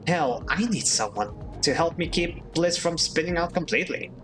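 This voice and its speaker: A man's voice: a little high, expressive, normal speed, over music, pitched above the performer's own voice, lightly acted. A man voicing a weary, loyal man who speaks bluntly and pleads for help, while reading a game aloud. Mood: troubled.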